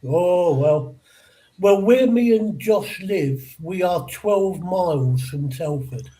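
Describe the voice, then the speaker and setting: A man's voice: sits high, slow pace, warm tone, rough recording. A man from London co-hosting a livestream, chatting casually, mostly chiming in with short replies and greeting viewers in the chat. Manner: brief agreeing interjections, reads out chat. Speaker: livestream co-host.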